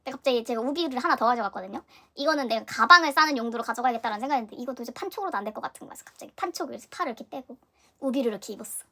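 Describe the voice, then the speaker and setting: A young Korean woman telling a story in a casual vlog, animated and dramatic, acting out her own reactions. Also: a little high, rapid-fire. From South Korea. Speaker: vlogger. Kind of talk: casual storytelling concert review.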